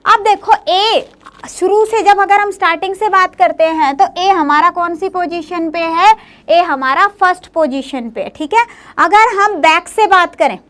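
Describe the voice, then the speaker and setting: Woman, very high pitch, teacher, classroom lecture, coaxing questions. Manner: coaxing, often asks "clear, beta?".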